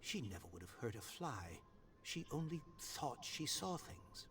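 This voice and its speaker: An actor playing a stern, grieving older father who speaks in a formal, insistent, measured way. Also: mid-range voice, very animated, pushed and bright. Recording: noisy game audio.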